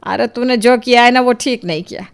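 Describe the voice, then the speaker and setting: A woman's voice: fairly high pitch, brisk, vocal fry. A woman voicing a scolding old grandmother who spoils her granddaughter, in a cartoon storybook. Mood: chiding. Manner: indulgent, chiding.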